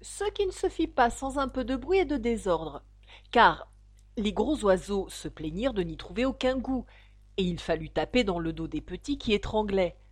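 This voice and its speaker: Woman reading an audiobook, lively up-and-down voice, dry close sound. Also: mid-range voice, normal speed, dry recording. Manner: expressive storytelling. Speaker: narrator. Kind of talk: audiobook narration.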